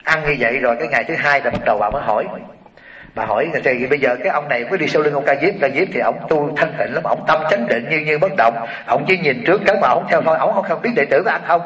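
A man with a Southern Vietnamese accent telling a Buddhist story as a sermon, animated and addressing the audience directly. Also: a little high, fast talker. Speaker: Buddhist preacher. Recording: roomy hall, distant mic, dull sound.

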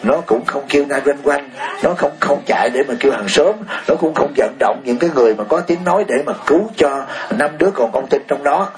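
A man's voice: mid-range voice, fairly quick, a crowd in the background. A man giving an impassioned political talk, firing rhetorical questions at his listeners and chuckling often. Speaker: speaker addressing an audience.

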